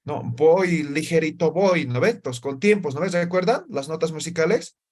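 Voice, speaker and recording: A man's voice: fairly high pitch, moderate pace, darkish tone, slight background noise. A man teaching a language class, explaining step by step and checking often that students follow. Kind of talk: classroom lesson.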